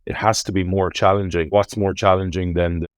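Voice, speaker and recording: Deep-voiced west of Ireland man. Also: little pitch movement, a little fast, clean tone, no room sound. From Galway, west of Ireland. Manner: earnest, emphatic, with rhetorical self-questioning. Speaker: interview guest, ocean rowing adventurer. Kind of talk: reflective conversational interview talk.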